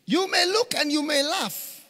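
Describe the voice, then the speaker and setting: Extremely high-pitched and a little slow, this middle-aged man preaches a conference sermon into a handheld microphone on a large church stage. His storytelling is animated and full of repetition, echoing through the reverberant hall.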